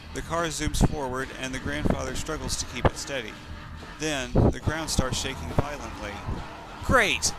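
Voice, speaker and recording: A man narrating his own horror story in a steady, descriptive reading style. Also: medium pitch, vocal fry, very noisy. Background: loud game music score.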